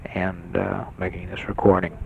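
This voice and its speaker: A young man records a taped letter home from a hospital bed in a low, creaky, darkish voice with completely flat delivery at normal speed. He keeps it quiet and rambles with many fillers. The close portable recorder mic gives a dull lo-fi sound with slight background noise as other patients talk nearby.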